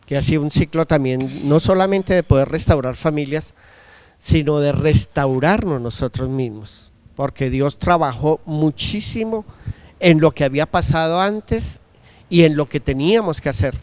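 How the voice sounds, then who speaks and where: Male pastor, high smooth voice, measured scripture reading, dry sound. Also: darkish tone, dry recording.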